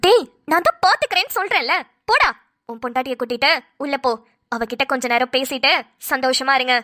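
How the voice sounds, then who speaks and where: A woman's voice: high voice, lively intonation, pushed and bright, no echo, studio quality. A woman doing a bossy, caring cartoon mother. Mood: commanding. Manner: brisk, commanding, fond. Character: bossy, caring middle-aged mother-in-law. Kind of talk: cartoon voice acting.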